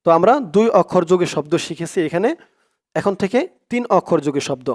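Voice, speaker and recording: Brief: male teacher, Bangladeshi accent, higher-pitched voice, patient and repetitive, slow syllable-by-syllable drilling. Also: lively intonation. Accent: Bangladeshi Bengali. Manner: patient, repeats each syllable many times. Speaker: Quran reading teacher. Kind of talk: slow step-by-step lesson.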